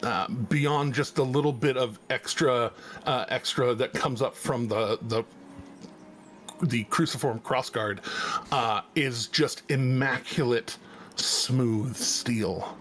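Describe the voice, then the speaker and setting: A man narrating as game master, halting often with many fillers and restarts. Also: medium pitch, fairly bright tone, slight background noise.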